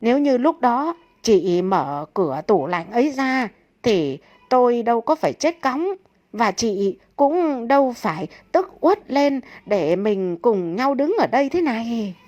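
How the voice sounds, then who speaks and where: A woman's voice: sing-song, unhurried, darkish tone. A woman voicing a weeping dead woman who speaks plaintively in a raised voice. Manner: plaintive, higher pitched.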